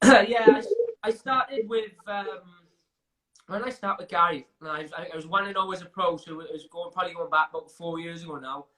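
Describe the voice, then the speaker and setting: A young Welsh man talks casually as an interview guest. His voice is bright and a touch high. He rambles, restarts his sentences and laughs as he tells stories. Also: brisk. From Wales. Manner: chatty, frequent restarts and fillers, laughs while telling stories. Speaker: MMA fighter guest.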